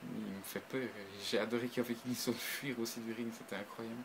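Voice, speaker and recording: Male reviewer, mid pitch, casual talk to viewers. Halting, full of restarts, flares up with excitement. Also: noisy background. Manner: hesitant, frequent restarts and fillers, bursts of excitement. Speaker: video reviewer. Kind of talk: casual spoken review to camera.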